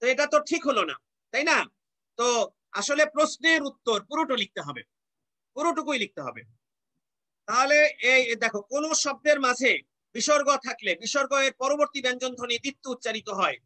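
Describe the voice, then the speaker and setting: High, bright-voiced male teacher drilling pronunciation. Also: lively intonation, a little fast, long pauses. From Bangladesh. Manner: explains patiently, repeats and draws out example words, asks rhetorical questions. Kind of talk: online class lecture.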